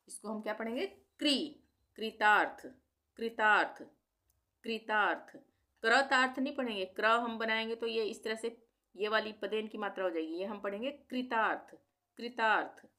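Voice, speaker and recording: A woman teaching Hindi pronunciation, saying each word slowly several times, then explaining it and asking questions she answers herself. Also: mid-range voice, a bit bright. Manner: asks questions of the viewer and answers them herself. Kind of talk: slow pronunciation lesson.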